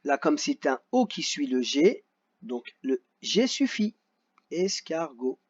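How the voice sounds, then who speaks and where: Patient guy teacher going over a kids' worksheet, slightly high voice, kinda muffled audio. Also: big pitch swings, slightly rough. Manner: slow, patient, sounding out syllables. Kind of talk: correcting a worksheet for children.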